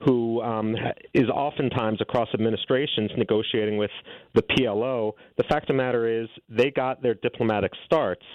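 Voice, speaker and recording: Over a thin, phone-like connection with no room sound, a middle-aged guest author and policy analyst answers interview questions. He argues his policy points with fluent assertiveness in a mid-range voice.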